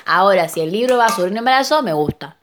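A young woman with a Rioplatense Spanish accent, chatting casually about books in an animated, teasing way. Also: mid-range voice, fast talker, background noise. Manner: animated, teasing, laughs often.

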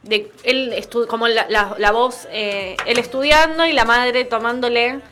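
A woman's voice: fairly high pitch, steady tone, a little slow, bright, forceful tone, a little hiss or hum. A woman on a chat panel, gushing enthusiastically as she retells a story with fillers. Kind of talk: casual gossip chat.

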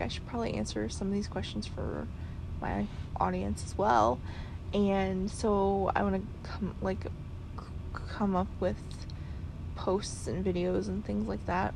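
A woman's voice: medium pitch, creaky, noisy background. A tired woman vlogger rambling casually, full of fillers and restarts. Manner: rambling, many fillers and restarts, talking in circles. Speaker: vlogger and podcaster.

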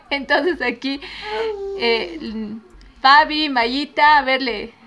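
A Bolivian woman hosting a relaxed talk show, reflecting at length and thanking her guest, with many fillers. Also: high voice, extremely slow. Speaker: host. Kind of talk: casual chat.

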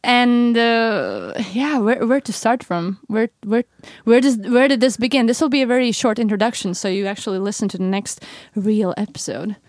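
A woman's voice: fairly high pitch, expressive, normal speed, hardly any pauses, darkish tone, no room sound, clean studio sound. A young woman from Latvia co-hosting a podcast in casual chat, talkative and repeating her phrases. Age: young adult. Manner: chatty, laughing, repeats phrases. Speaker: podcast co-host.

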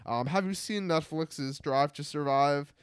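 A man's voice: on the high side, a little slow, clear, resonant tone, no room sound, clean studio sound. Rambling young man hosting a podcast. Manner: rambling, self-described monotone delivery with many fillers. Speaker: podcast co-host. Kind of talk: casual sports podcast chat.

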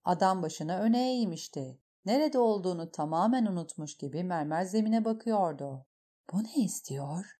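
A woman narrating an audiobook in a measured, steady way. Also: on the low side. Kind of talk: audiobook reading.

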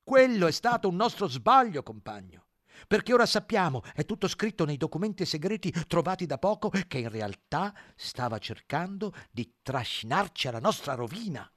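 A man voicing a sly male pig propagandist who talks shrill and insistent. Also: very animated, moderate pace, fairly bright tone, no echo, studio quality. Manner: shrill, emphatic, wheedling preaching.

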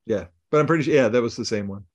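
A man co-hosting a podcast, retelling old comedy sketches in an animated way and acting out lines with gasps and laughs. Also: medium pitch, very fast, lo-fi sound. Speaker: podcast co-host. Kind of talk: casual chat recapping old comedy sketches.

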